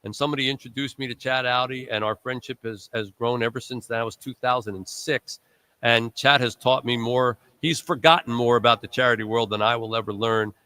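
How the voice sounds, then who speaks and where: Bright-voiced man hosting a charity radiothon. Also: mid-range voice, steady tone, fairly quick, clean tone, dry recording. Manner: rambling, warm thank-you lists with asides. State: recovering from illness, voice strained. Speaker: radiothon host. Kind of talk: live charity broadcast thank-yous.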